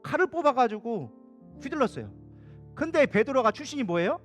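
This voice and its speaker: Male pastor, sermon, very high voice, fast-talking, casual storytelling, faint music behind. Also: very animated. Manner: colloquial storytelling, acting out quoted dialogue. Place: church sanctuary.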